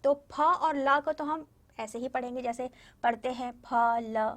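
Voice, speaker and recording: A woman teaching a Hindi lesson to young children. She repeats each word slowly and keeps asking the class questions. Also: high-pitched, a bit bright. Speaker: primary school Hindi teacher.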